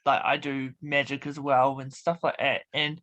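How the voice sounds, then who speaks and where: A man's voice: mid-range voice, flat delivery, moderate pace, a bit bright, highs cut off. A man hosting a casual radio interview, speaking informally with somewhat hesitant phrasing. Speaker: radio show host.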